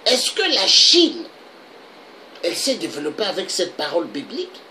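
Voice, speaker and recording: A man's voice: sits high, huge pitch swings, moderate pace, bright, forceful tone, a little hiss or hum, poor audio. A man from the Congo, delivering an impassioned political monologue full of repeated rhetorical questions. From Republic of the Congo. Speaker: political video blogger.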